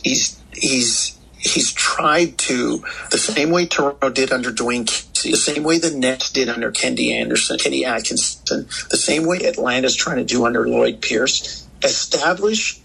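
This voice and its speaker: A man phoning in to a sports radio show, speaking in a bright, forceful tone. His voice is gravelly and husky, and he circles back and restarts his sentences as he talks his way through basketball. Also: mid-range voice, moderate pace, rough recording. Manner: talkative, many restarts and fillers. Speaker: radio guest, basketball analyst. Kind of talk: phone-in sports radio interview. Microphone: phone line.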